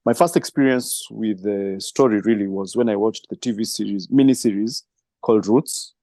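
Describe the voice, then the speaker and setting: A middle-aged man answering interview questions, reflective and storytelling, with soft laughs. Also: fairly low pitch, normal speed, no room sound. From Kenya. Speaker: filmmaker and film trainer.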